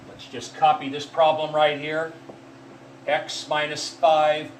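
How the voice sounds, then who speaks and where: A man teaching a math lesson, explaining step by step in a deliberate way and repeating key points. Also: fairly high pitch. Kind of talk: classroom math lecture. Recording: echoey room from far off with faint noise.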